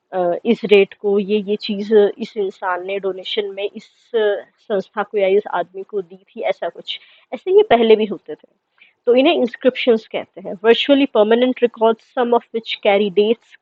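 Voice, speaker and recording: A woman's voice: medium pitch, dry recording. A woman in her thirties teaching a history lesson, reading English text and explaining it step by step, often checking in with her students. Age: 30s. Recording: dry, tinny phone-like sound.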